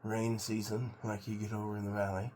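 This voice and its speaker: Middle-aged American man, low voice, unhurried and halting casual vlogger, water noise clearly audible behind him. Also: little pitch movement, a little mellow. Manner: laid-back, musing, halting. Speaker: vlogger doing a cold plunge challenge. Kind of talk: casual rambling vlog monologue.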